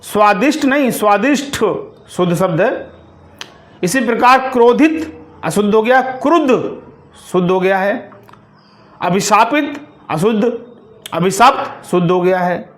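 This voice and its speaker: High-voiced man teaching, slow and deliberate. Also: animated, a bit bright. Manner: slow, deliberate, word-by-word dictation of correct and incorrect forms. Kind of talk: Hindi grammar lesson for exam preparation.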